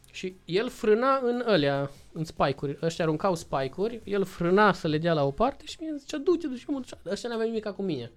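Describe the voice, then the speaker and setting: A man casually telling a long travel story, acting out other people's lines. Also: high voice. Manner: lively storytelling, acts out voices in quotes. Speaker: podcast guest.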